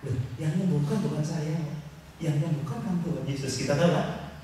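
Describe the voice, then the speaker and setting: A man preaching a lively, joking sermon to his congregation, with a Javanese-tinged accent. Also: fairly high pitch, brisk, recorded from a distance, slight background noise. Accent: Javanese-tinged Indonesian. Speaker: pastor. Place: church hall. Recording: echoey hall, picked up from afar.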